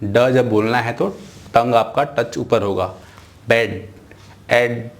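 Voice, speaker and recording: A man's voice: medium pitch, fairly even intonation. A young Indian man teaching English phonics, drawing out each syllable and correcting wrong pronunciations. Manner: drawn-out sounding of syllables, corrects wrong forms. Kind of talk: slow phonics lesson.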